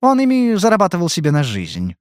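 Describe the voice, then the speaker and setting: A man's voice: sits high, wildly swooping pitch, fairly quick, no echo, clean studio sound, voice pushed up. A man voicing a frightened pleading young woman. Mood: earnest. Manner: pleading, trembling, soft. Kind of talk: audiobook character reading.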